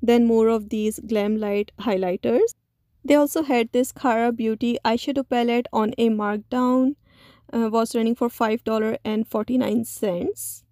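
A woman narrating a store shopping video in a voice-over, speaking slowly. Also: fairly high pitch, fairly even intonation, warm tone, no echo, studio quality. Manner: slow, listy, with many "uh" pauses. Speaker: shopping vlogger.

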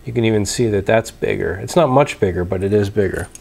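A young man hosting a homebrewing video, casually explaining and demonstrating parts in a relaxed way with fillers and restarts, recorded on a lapel mic in a small room at home. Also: on the low side, fast, creaky, noisy background. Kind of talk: casual show-and-tell demonstration.

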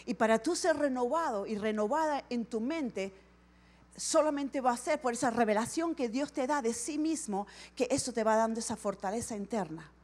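High-voiced woman pastor preaching. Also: moderate pace. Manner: animated preaching, acting out little dialogues. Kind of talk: sermon. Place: church service.

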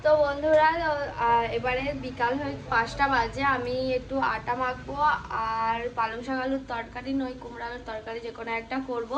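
A woman's voice: fairly high pitch, steady tone, fairly quick, slight background noise. A young woman from West Bengal with a sore throat and stuffy nose, chatting casually to viewers as she cooks and cares for her daughter at home. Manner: chatty, narrating chores to viewers. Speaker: vlogger and mother. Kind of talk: casual home cooking vlog. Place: home kitchen, indoors.

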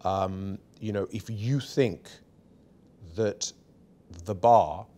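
A man's voice: on the low side, extremely slow. A man in his forties, a barrister, speaking candidly and emphatically as an interview guest in a small studio. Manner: emphatic, candid, lively anecdotes. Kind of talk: seated conversational interview. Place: small bright studio set.

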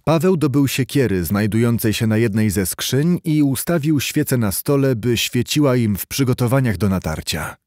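A man reading a literary audiobook in a measured storytelling way. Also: mid-range voice, a little mellow, no room sound, studio quality. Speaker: audiobook narrator. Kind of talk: scripted literary narration.

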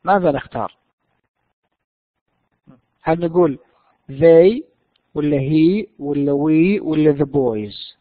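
A man's voice: a little high, expressive, takes it slowly, pauses often, dry recording. A man teaching an online English lesson, explaining step by step and answering his own questions. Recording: dry tinny phone-like line.

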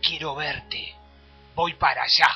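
A performer playing an impulsive, lovesick drunk young man in an amateur parody drama, talking in a breathy half-whisper. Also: medium pitch, fairly even intonation, slow, bright, forceful tone, lo-fi sound, soft background music, heavily acted.

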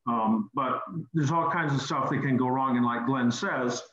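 A man's voice: medium pitch, normal speed, a bit bright. A man hosting a technical call-in chat, explaining repairs and often repeating words while he thinks. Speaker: host. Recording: roomy video call audio, slightly dull.

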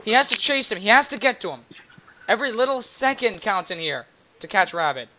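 A man's voice: sits high, very animated, brisk, bright, forceful tone, dull audio. Coughing young male game commentator. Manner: coughs often, voice cracks.

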